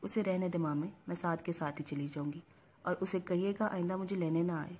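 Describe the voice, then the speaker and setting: A woman's voice: on the low side, fairly even intonation, darkish tone, slightly rough. A woman reading the lines of a spiteful, jealous young woman cousin in a storybook reading, with a venomous, snapping tone.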